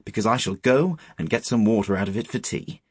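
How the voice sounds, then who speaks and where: A man's voice: lowish voice, brisk, breathy edge, no room sound. A man voicing a rude, cocky schoolboy Scout in a storybook, brash and dismissive, with a British accent. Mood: defiant. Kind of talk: storybook character voice.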